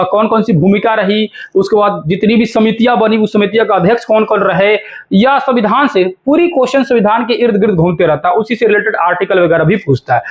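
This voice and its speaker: A man's voice: high-pitched, muffled recording. A man teaching an exam preparation lesson, repeating points and answering his own questions.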